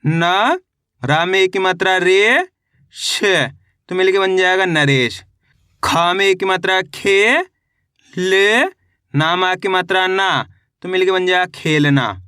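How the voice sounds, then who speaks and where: A man's voice: high-pitched, slow, long pauses, sharp tone, clear, resonant tone, dry recording, clean studio sound. A man teaching beginners to read by sounding out words syllable by syllable, in a patient, drilling manner. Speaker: Hindi reading teacher. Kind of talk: spelling lesson for beginners.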